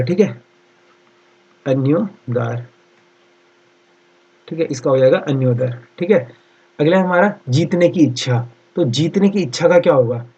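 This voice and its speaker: A man teaching a Hindi exam-prep lesson, asking a question, answering it and repeating each answer slowly with constant "theek hai" fillers. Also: medium pitch, warm tone, slightly rough, dull audio. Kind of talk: online class lecture.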